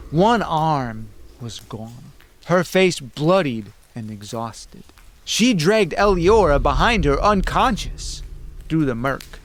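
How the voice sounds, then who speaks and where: A man narrating a scripted first-person fantasy horror story in an intense, theatrical way with dramatic pauses. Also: medium pitch, a little hiss or hum.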